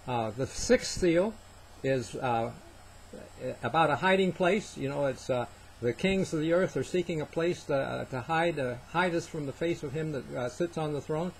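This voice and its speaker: An older man giving an informal Bible study talk, halting with many fillers and stopping to ask "okay?". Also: a little high, slight background noise, rough recording. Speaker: Bible prophecy teacher.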